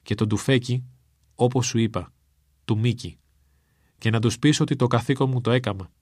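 A man voicing a mortally wounded guerrilla captain, speaking low and strained with pain. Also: darkish tone, dry recording, clean studio sound, lightly acted. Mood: solemn.

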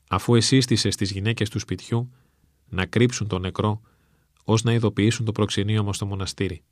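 A man narrating a written story in a measured, solemn reading. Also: on the low side, no echo, studio quality.

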